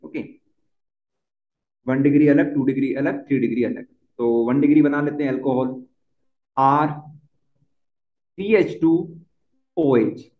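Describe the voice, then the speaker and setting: In a dull, echoey room, a young man with a medium-pitched voice gives a board-exam chemistry lesson at a whiteboard. He speaks unhurriedly with frequent pauses, often repeating key points and putting questions to the class.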